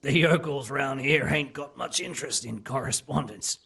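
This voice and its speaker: An actor playing a captured brigand under interrogation in a game, sardonic and evasive. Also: male voice, medium pitch, moderate pace, fairly bright tone. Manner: sardonic, evasive, rough-spoken.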